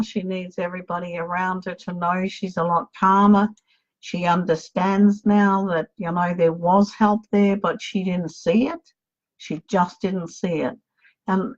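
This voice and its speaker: A woman acting as a psychic medium, giving an emotional live reading and tenderly calling her listener darling. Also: on the low side. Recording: dull lo-fi sound.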